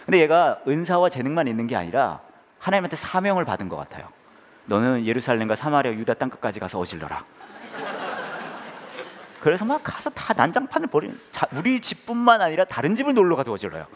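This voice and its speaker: A man in his forties preaching a sermon, telling a family story with animated, lively delivery. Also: fairly high pitch, fast. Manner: animated storytelling, loud acted outbursts. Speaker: pastor.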